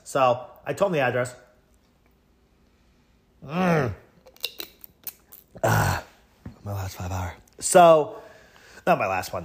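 A truck driver with a lowish voice tells a story as a rambling, casual rant packed with fillers, acting out the people he quotes.

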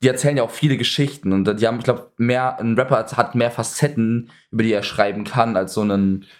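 A man's voice: mid-range voice, steady tone, fast. A young man co-hosting a casual podcast chat, arguing his points with many restarts. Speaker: podcast co-host.

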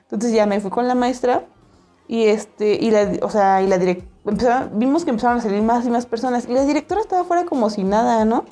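A young woman with a Mexican accent telling a personal story in a casual, animated way, acting out the voices she quotes. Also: on the high side, fast. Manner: animated, acts out quoted voices, laughs often.

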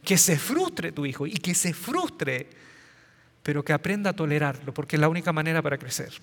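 A man's voice: a little high, big pitch swings, a little fast, a bit bright, in a large hall. A man giving a humorous talk on parenting, telling anecdotes with punchlines and often repeating or restarting his words. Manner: storytelling with punchlines and quoted voices. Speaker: speaker on parenting.

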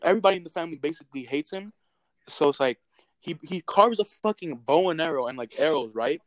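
Young dude swearing nonstop telling stories, dry mic. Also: male voice, a little high, quick pace, no room sound. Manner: swears constantly, animated storytelling. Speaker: podcast co-host. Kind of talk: casual chat.

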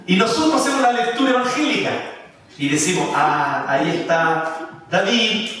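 Animated man preaching in an echoey hall. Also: high-pitched, normal speed. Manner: animated preaching, rising and dropping emphasis. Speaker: pastor. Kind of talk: sermon. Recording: echoey room from a distance.

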